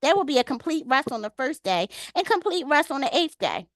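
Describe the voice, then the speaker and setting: A woman leads an online Bible study on a video call, reading scripture aloud before talking with the group and calling on members by name. Her voice sits high and sing-song, she speaks briskly, and the recording is dry.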